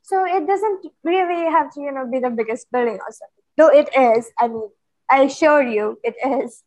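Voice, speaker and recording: A woman co-hosting a casual book discussion, retelling chapters in an animated, stuttering way with frequent laughs. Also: high voice, normal speed, no echo, rough recording. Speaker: book club co-host.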